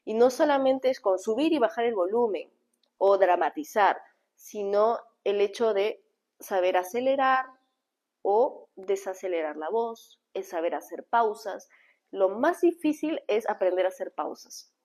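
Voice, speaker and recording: A woman's voice: mid-range voice, measured pace. A woman, an image consultant teaching public speaking in a live stream, talking straight to viewers and shifting her tone and pace to show how. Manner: expressive, varies tone and pace to demonstrate, addresses viewers directly. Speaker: image consultant and communication coach. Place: indoors, streaming live from home.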